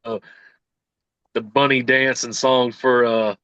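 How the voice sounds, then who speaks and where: Bright-voiced southern man, laughing a lot. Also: medium pitch, flat delivery, slow, clear, resonant tone, no room sound. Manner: laughs often, stumbles over names. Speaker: podcast co-host. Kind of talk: casual chat.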